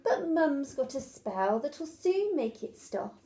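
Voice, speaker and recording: A woman voicing a clumsy, cheerful little girl witch in a storybook, with high, excited squeals. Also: takes it slowly, full character voice. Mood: flustered.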